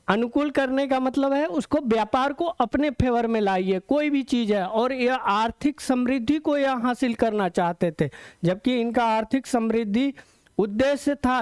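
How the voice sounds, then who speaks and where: A man's voice: extremely high pitch, a little mellow, smooth, dry recording. A man teaching an exam-prep lecture, explaining step by step, repeating key words and asking rhetorical questions.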